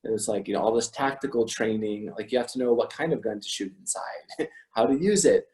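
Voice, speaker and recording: A man's voice: fairly low pitch, brisk, darkish tone, rough recording. A man hosting a casual livestream from home, rambling and emphatic, with many restarts and some swearing. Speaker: host of an online talk stream.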